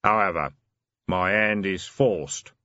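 A man voicing a hooded, broad male stranger who speaks in a deep, slow, solemn way. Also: pushed and bright, no room sound, lo-fi sound, full character voice. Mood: grave.

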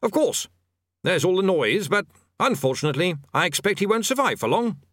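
A man's voice: sits high, sing-song, fairly quick, sharp tone, dry recording, studio quality, pitched above the performer's own voice, full character voice. A man voicing a fussy, nervous university bursar who stammers and is anxiously polite. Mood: flustered. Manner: flustered, stammering, overly polite.

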